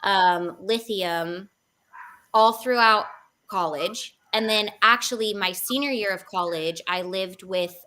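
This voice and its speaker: A young woman in her twenties with a bright, sharp voice tells her personal story as an interview guest. She speaks candidly, with frequent pauses and fillers, at a medium pitch.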